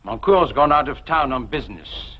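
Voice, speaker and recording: A man's voice: medium pitch, animated, normal speed, lightly acted. An actor playing a brooding, lovesick young man, earnest and melodramatic in 1950s television drama style. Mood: weary. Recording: muffled, hissy 1950s television soundtrack.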